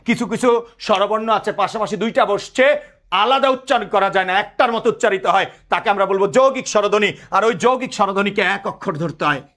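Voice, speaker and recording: Animated high-voiced male teacher. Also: a little fast. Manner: animated, quizzing students and answering himself. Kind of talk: admission test lesson.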